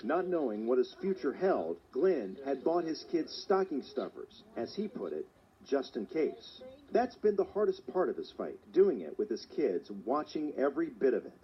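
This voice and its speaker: Lively news reporter man narrating. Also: mid-range voice. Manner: measured storytelling delivery. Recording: dull lo-fi sound, faint hiss.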